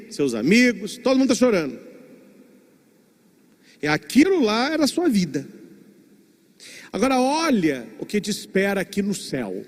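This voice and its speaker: Emphatic priest, expressive storyteller, sermon in a reverberant hall. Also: male voice, sits high.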